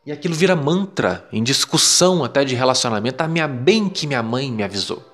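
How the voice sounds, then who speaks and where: Brief: Brazilian male course teacher, emphatic and lively, mid-pitched, faint music underneath. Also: fast talker. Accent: Brazilian Portuguese. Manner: lively, emphatic, mimics parents' voices. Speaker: self-help course teacher. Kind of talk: lecture on beliefs.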